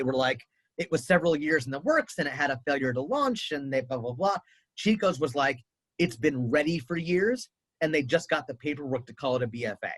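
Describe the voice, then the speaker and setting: Upbeat higher-voiced man on a video call. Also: a bit bright, no echo, poor audio. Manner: chatty, upbeat, lots of fillers. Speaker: college audition coach. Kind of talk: casual advice on a video call.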